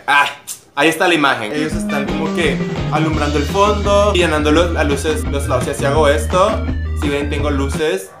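A man hosts a casual unboxing vlog, poking fun at himself as he rambles along. His voice sits a little high. The room sounds echoey and loud music plays behind him. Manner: joking, self-mocking, rambling. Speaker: vlogger. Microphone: phone camera.

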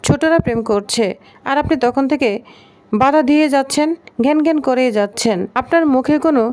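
A woman's voice: high-pitched, brisk, darkish tone, close to an everyday voice. A woman voicing a bold, cheeky young woman in love who teases and talks back. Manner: teasing, brash, talks back.

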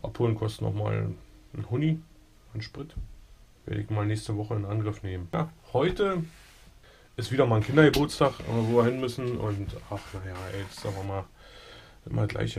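A man's voice: lowish voice, fairly quick, vocal fry, a little mellow, slight background noise. A man in his thirties chatting casually to the camera as a family vlogger, recorded on a handheld action camera. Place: small room at home, car, kitchen. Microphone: action camera at arm's length.

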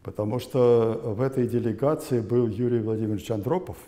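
An elderly man in his eighties reminisces in an interview, speaking deliberately and haltingly with emphatic stresses, in a reverberant room. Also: mid-range voice, warm tone. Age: elderly, 80s. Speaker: former interpreter recounting memories. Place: indoor plain room, seated before camera. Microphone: lapel mic. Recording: muffled sound with long room reverb.

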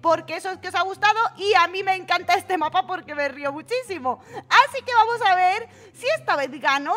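A young woman with a Peninsular Spanish accent, giving excitable, giggly commentary while playing an online game, with game music in the background. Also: extremely high pitch, a little fast. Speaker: gaming channel host. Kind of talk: casual Roblox gameplay commentary.

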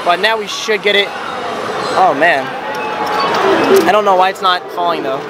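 Excitable young male arcade vlogger, high voice, slangy running commentary, very loud machine noise behind him. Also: moderate pace. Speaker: arcade video maker. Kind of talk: excited casual vlog commentary while playing. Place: inside a busy arcade. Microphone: handheld camera mic. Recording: loud noisy arcade, handheld camera.

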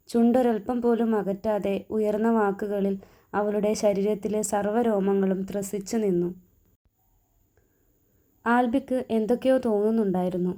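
A woman narrating a romance story in a steady, even reading voice. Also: medium pitch.

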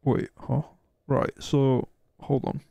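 A man chatting casually while streaming a game, rambling and hesitant, with a croaky, sleepy voice. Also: medium pitch, level tone, slow pace, warm tone, no room sound. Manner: rambling and hesitant, many restarts. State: sleepy, yawning. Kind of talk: casual live-stream chat.

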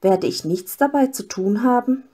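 A woman's voice: fairly high pitch, moderate pace, warm tone, pitched above the performer's own voice, natural voice. A woman voicing a naive, wistful young fir tree that wonders aloud. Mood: wondering. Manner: wondering, hopeful.

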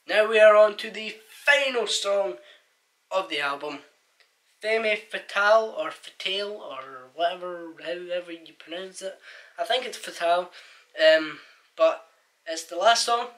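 A young man hosts a laid-back music reaction, talking through his ratings with plenty of ums and restarts. His voice sits a little high and sounds bright and forward. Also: a little slow. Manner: chatty, rates songs out loud with many fillers. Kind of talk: casual album reaction chat.

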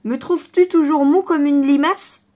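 Give me a woman playing a gentle storybook horse, calm and firm. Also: high-pitched, normal speed. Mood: sly. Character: gentle calm male horse, quietly fierce when crossed.

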